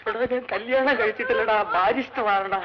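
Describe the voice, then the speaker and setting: A man's voice: high voice, fairly even intonation, brisk, very noisy, natural voice. An actor playing a fussy, unmarried male barrister who mutters and exclaims while reading aloud. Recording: dull old film soundtrack.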